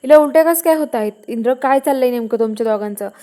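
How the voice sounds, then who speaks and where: A woman doing an angry middle-aged mother who scolds loudly, firing one accusing question after another. The voice sits high, yet its tone stays soft and mellow, as in a retold serial scene. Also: steady tone, fairly quick, close to an everyday voice. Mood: scolding.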